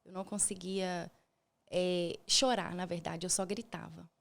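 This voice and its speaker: Soft-spoken woman with a gravelly edge. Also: on the low side, steady tone. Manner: soft-spoken, halting, emotional retelling. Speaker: podcast guest. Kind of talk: personal storytelling.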